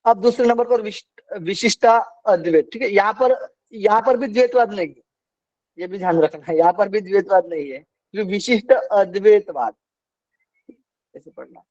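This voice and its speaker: A man's voice: high-pitched, steady tone, a little fast, darkish tone, no echo, dull audio. A male teacher giving an online philosophy class, explaining patiently and repeating key points.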